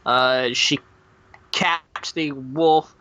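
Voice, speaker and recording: A man's voice: medium pitch, extremely slow. A man joining a podcast as a guest, telling a comic story with lots of swearing and stumbling restarts. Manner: profane, stumbling, excitable. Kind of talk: improvised comedic storytelling.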